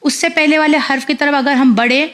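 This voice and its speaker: A woman's voice: high-pitched, steady tone, brisk, a bit bright. A woman teaching Quran reading to children, spelling out syllables one by one, repeating them and correcting common mistakes. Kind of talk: slow spelled-out recitation lesson.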